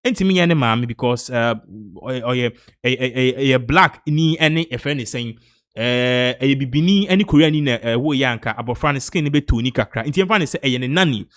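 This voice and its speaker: A Ghanaian man with a Ghanaian accent presenting online news commentary, switching between Twi and English in an animated, repetitive way. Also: medium pitch, brisk, no room sound, studio quality.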